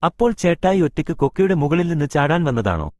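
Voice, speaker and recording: A man's voice: on the high side, big pitch swings, fast talker, a little mellow, no echo, studio quality. A curious, chatty young woman, as a male narrator puts her on. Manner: persistent questioning.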